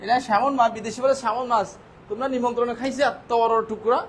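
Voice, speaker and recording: A man's voice: very high voice, fairly even intonation, fast, rough recording. A male teacher giving a classroom vocabulary lesson, firing questions at his students and answering them himself. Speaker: English teacher. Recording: faint background noise.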